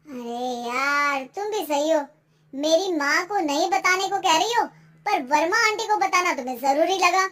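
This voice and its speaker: A woman voicing a stubborn young husband in a cartoon story, shouting angrily. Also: very high-pitched, expressive, moderate pace, heavily acted. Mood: angry.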